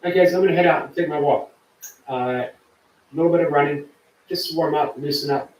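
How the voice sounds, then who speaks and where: Speaking fairly quickly in a higher-than-average voice, a man runs a live stream, casually chatting, being warm to viewers, and reading the chat out loud. He is far from the mic, so the audio is roomy and poor.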